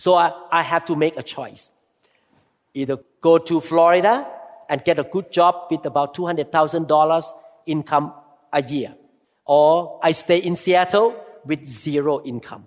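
An older man with a Thai accent preaches a testimony in short, emphatic phrases. His voice sits high, and he speaks slowly and deliberately. A long echo from the church hall trails his words. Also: fairly even intonation. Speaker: guest speaker giving testimony. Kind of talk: sermon testimony, interpreted.

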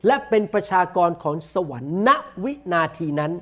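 A man with a Thai accent preaching a sermon, saying each point in slow, deliberate English and then repeating it quickly in Thai. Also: a little high, expressive. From Thailand. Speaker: pastor. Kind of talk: bilingual sermon, self-translating.

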